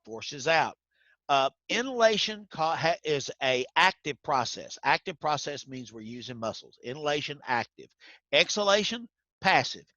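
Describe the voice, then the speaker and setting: Bright-voiced man teaching class. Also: fairly high pitch, big pitch swings, normal speed, dry recording, muffled recording. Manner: folksy, quizzes students by name. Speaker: instructor.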